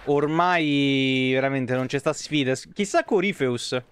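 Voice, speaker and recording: Playing a video game from his indoor home setup, a man in his thirties from Italy keeps up casual, profanity-laced commentary and chats with viewers. His medium-pitched voice is smooth and unhurried, picked up by a close streaming microphone.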